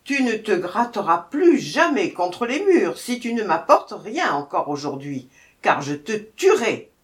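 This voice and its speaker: A woman's voice: mid-range voice, big pitch swings, unhurried. A woman voicing a furious, menacing lioness who barks orders and threats in a storybook reading. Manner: commanding, threatening, loud.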